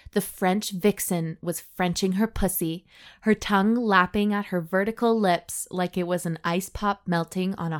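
A woman co-hosting a comedy podcast, reading a story aloud in a mock-serious, deadpan way between bits of banter. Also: medium pitch.

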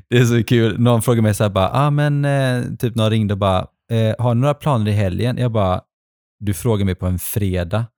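A man's voice: mid-range voice, a little mellow, no echo, clean studio sound. A man co-hosting a casual podcast chat, telling anecdotes and acting out quoted lines. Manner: storytelling, acts out quotes. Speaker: podcast co-host.

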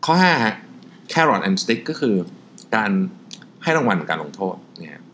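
A man's voice: lowish voice, big pitch swings, measured pace, fairly bright tone, a little hiss or hum. A man hosting a talk show, explaining research in a chatty, polite way and repeating key points. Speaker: podcast host.

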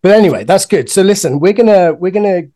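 A man's voice: sits high, expressive, quick pace, dark tone. A man co-hosting a podcast, telling long rambling anecdotes in casual chat. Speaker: podcast co-host.

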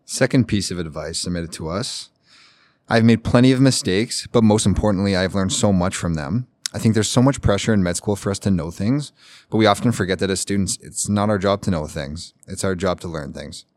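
A man's voice: low-pitched, brisk, darkish tone, no echo, studio quality. A young man, a medical student guest on a podcast, reading advice aloud and joking playfully. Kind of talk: reading a quote, then casual chat.

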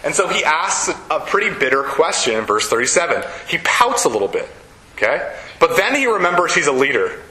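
A man's voice: a little high, big pitch swings, fairly quick, bright, forceful tone. A man giving a conversational, joking sermon as a preacher, often checking in with his listeners. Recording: echoey room.

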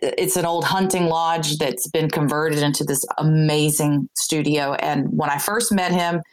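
A woman's voice: low voice, steady tone, measured pace, rough recording. A woman from Texas, a singer-songwriter guest, telling her story in a casual interview, rambling with many restarts and fillers.

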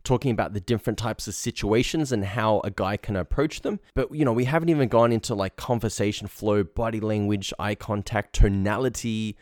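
Blunt and full of slang, this dating confidence coach teaches informally on his show, performing sample lines as he goes. He has a lowish, darkish voice, recorded at studio quality with no echo.

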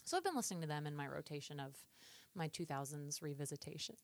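A woman's voice: sits low, expressive, fast talker, dry recording. A woman co-hosting a podcast in casual chat, rambling with hesitant fillers. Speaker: podcast co-host.

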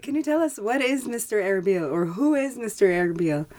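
As a podcast host, a woman reads a scripted intro and sponsor spots before asking her guest interview questions. She speaks animatedly at a normal speed, with a mid-range voice and a darkish tone.

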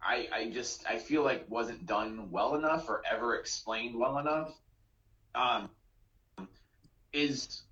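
A bright, forceful man chatting casually as a podcast co-host. He gets animated and acts out movie lines. The recording sounds roomy and a bit dull and lo-fi. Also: medium pitch, slow, long pauses.

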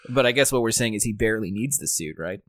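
A man's voice: on the low side, expressive, fast, a bit bright, no room sound, clean studio sound. A man hosting a casual film recap, talking in a wry, conversational way. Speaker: podcast host. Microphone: own microphone on an internet call.

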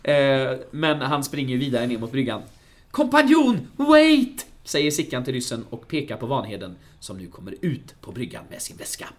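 A man co-hosting a casual podcast, retelling a film scene by scene and shouting out the characters' lines. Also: mid-range voice, hardly any pauses. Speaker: podcast co-host narrating a film. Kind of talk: casual chat.

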